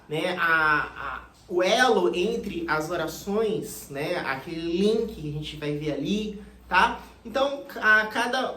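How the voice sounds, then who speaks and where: A woman's voice: mid-range voice, fairly bright tone, roomy sound. A Brazilian woman teacher giving an exam-prep grammar lesson, repeating key words and asking students questions. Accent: Brazilian Portuguese.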